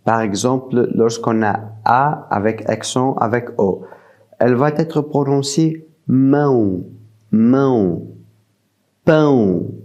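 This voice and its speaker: Slow, mellow-voiced man teaching pronunciation. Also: medium pitch, dull audio. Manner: slow and deliberate, repeats each example word. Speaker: language teacher. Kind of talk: slow spoken language lesson.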